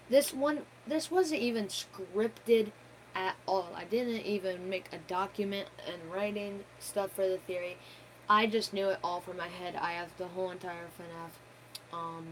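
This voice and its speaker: A woman's voice: medium pitch, slight background noise, low-quality recording. A woman hosting a gaming channel, giving an unscripted live-stream game theory talk, rambling with many fillers and self-corrections.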